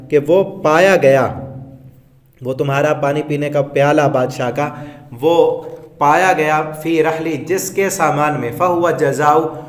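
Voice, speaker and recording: A man's voice: fairly high pitch, steady tone. Man teaching Quran translation, Urdu. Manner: recites verses in Arabic then explains in plain conversational Urdu; hesitant fillers between phrases. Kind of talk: word-by-word Quran translation lesson.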